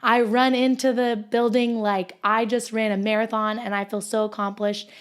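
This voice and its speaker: A young woman in her twenties hosts a solo podcast, speaking in a slightly high voice. She tells her story in a loose, chatty way, full of ums and likes. It sounds like someone recording at home for listeners who also watch on video. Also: level tone, normal speed, clear, resonant tone. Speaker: podcast host.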